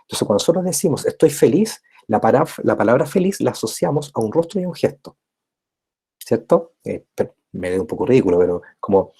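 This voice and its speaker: In this recorded university lecture, a man speaks briskly in a lowish, mellow, husky voice with a sing-song lilt and some vocal fry. He walks through the material step by step, restating ideas in different ways and constantly checking with the audience through tag questions.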